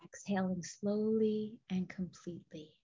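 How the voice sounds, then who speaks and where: Soft, breathy woman guiding a slow meditation. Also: medium pitch, fairly even intonation. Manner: soft, soothing, breathy delivery with long pauses. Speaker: show host leading a guided meditation. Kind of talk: guided meditation. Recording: dull, lo-fi audio.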